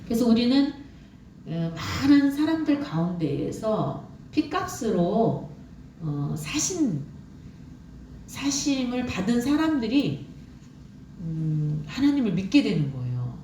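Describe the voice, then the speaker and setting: A woman's voice: on the high side, big pitch swings, slow, pauses often, warm tone. Woman preaching in an echoey room. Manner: conversational, with many fillers and personal testimony. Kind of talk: sermon. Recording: echoey room from far off, faint noise.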